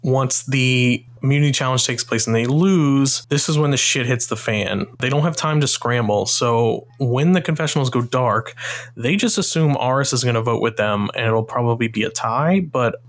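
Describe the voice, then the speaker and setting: A man's voice: medium pitch, moderate pace. Casual man recapping a game. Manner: chatty, retells events with quoted lines and swearing. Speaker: podcast host recapping a game.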